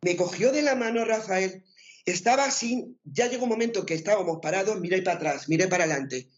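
A woman with an accent from Spain, telling her story as an interview guest in a lively way and repeating words for emphasis. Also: mid-range voice, brisk, dull audio. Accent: Spain Spanish. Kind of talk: personal testimony in conversation.

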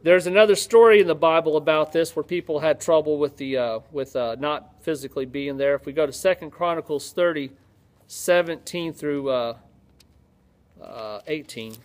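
A man's voice: on the high side, moderate pace. A man, a pastor teaching from the Bible in a casual, joking way and reading scripture aloud with more emphasis. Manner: conversational, joking asides, reads scripture aloud with rising emphasis. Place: office-like room with ceiling lights, indoors.

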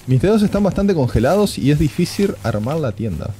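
A man's voice: a little high, very animated, brisk, dark tone, a little hiss or hum. A man doing horror game commentary for a gaming video, joking and nervous as he talks through the game.

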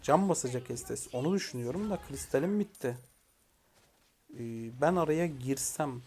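A young man commentating his own mobile game match, excitedly shouting commands at teammates and venting frustration. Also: medium pitch, moderate pace, a little hiss or hum. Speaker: gaming YouTuber. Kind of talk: live gameplay commentary.

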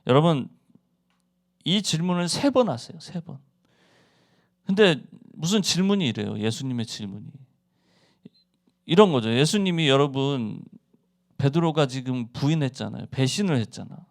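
A man's voice: a little high, lively intonation, normal speed, gravelly, long pauses. A male pastor preaching a sermon who keeps asking the congregation questions and answering them himself.

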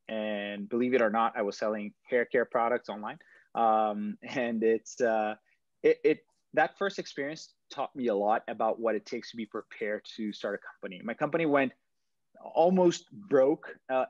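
Speaking at a medium pitch, a Brazilian startup founder in his thirties presents on a video call from indoors at home, where a stone wall stands behind him. He hesitates often, using fillers and restarting sentences. The webcam audio is dull and lo-fi, with no room sound.

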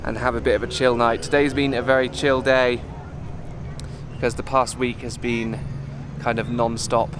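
A young man in his twenties, chatting in a relaxed, upbeat way as he vlogs outdoors with a camera held at arm's length. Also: mid-range voice, moderate pace, background noise. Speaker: travel vlogger. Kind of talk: casual travel vlog. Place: outdoors in a park and jungle trail.

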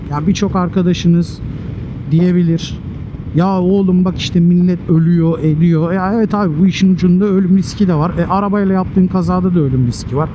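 A man from Turkey giving casual, emphatic advice as a motorcycle vlogger, talking to viewers like friends from inside a helmet. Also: high-pitched. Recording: muffled helmet mic, loud outdoor traffic noise.

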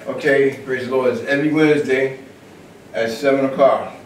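A man's voice: medium pitch, fairly even intonation, moderate pace. A middle-aged man, a church ministry leader, making casual announcements to his group. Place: small indoor meeting room. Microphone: distant camera microphone. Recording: echoey room, distant mic, faint noise.

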